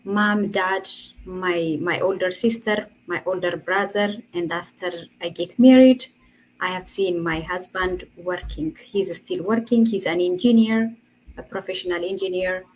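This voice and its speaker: A woman's voice: on the low side, measured pace, slight background noise, low-quality recording. A woman, a guest telling her story earnestly over a video call in a casual interview. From Ethiopia. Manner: earnest, laughs between phrases. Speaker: guest, online entrepreneur.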